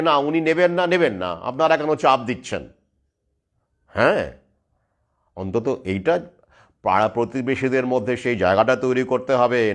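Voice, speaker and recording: Emphatic man asking rhetorical questions. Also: mid-range voice. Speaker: video commentator. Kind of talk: monologue to camera viewers.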